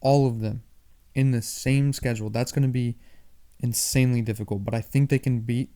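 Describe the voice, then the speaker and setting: A young man hosting a sports podcast, talking fast and animated in a casual monologue, often repeating himself. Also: mid-range voice. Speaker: podcast host.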